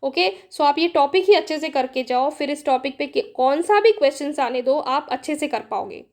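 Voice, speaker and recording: A young woman, tutoring for an exam. She reads questions aloud slowly and evenly, then adds quick casual asides. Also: sits high, animated. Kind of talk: exam-prep lesson, reading questions aloud.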